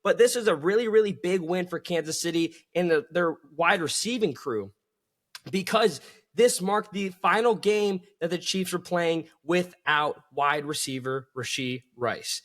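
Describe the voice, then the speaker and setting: A man's voice: high-pitched, measured pace, a bit bright. A man hosting a solo sports podcast, talking with enthusiasm and calling his listeners folks.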